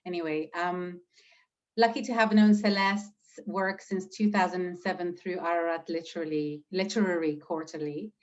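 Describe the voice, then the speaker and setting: A woman hosting an interview, gentle and unhurried with many fillers, reading out audience comments. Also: on the low side, fairly even intonation, highs cut off. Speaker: host and interviewer.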